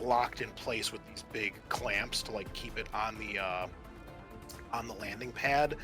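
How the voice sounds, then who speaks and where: A man with a lowish voice serves as game master for a tabletop role-playing game. He explains the action and rules haltingly.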